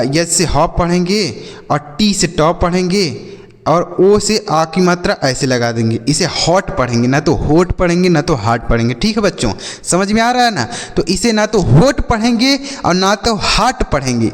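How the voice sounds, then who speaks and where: A man's voice: fairly high pitch, in a large hall. Man teaching phonics with call-and-answer. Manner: repeats questions and answers them himself, spelling words letter by letter. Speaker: English teacher. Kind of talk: classroom phonics lesson.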